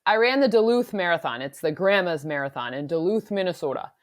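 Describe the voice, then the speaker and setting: A woman from Michigan talks football analytics in quick, eager bursts, doubling back on her words as she goes. Her voice sits a little lower than most women's. It is a loose, chatty podcast conversation. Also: expressive. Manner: rapid, self-correcting, enthusiastic. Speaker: analytics expert co-host. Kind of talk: casual sports podcast chat.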